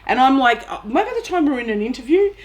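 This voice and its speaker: A woman's voice: high voice, big pitch swings, very fast. A woman, co-hosting a casual chat and often laughing through her anecdotes. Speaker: podcast co-host.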